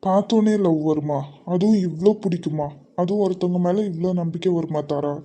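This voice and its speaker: Cartoon role: a woman playing an earnest young lover, soft-spoken, Kanyakumari Tamil accent, low mellow voice. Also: brisk, lightly acted. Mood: tender. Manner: gentle, reassuring, soft-spoken. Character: caring, earnest young man in love. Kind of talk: cartoon voice acting.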